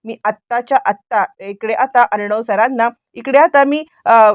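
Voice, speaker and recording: A woman's voice: fairly high pitch, measured pace, dry recording, dull audio, close to an everyday voice. A woman reading the lines of a worried, hesitant young wife in her serial retelling. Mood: anxious. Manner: hesitant, pleading.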